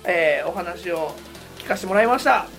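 A man's voice: sits high, expressive, moderate pace, a bit bright, faint music behind. A man hosting a podcast, talking in a friendly casual way as he wraps up the episode. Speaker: podcast host.

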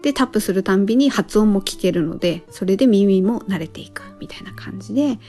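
A woman with a warm, mellow voice talks easily through a solo podcast episode, pausing often as she thinks aloud. Her voice sits at a middle pitch, and soft music plays faintly underneath. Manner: relaxed and chatty, thinks aloud with many pauses. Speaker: podcast host. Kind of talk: casual solo podcast talk.

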